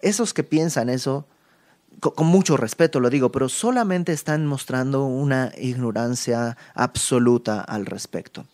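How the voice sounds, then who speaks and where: A man teaching a verse-by-verse Bible study, speaking emphatically and moving between raised and hushed passages, with conversational asides. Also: mid-range voice, normal speed. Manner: conversational asides and tag questions.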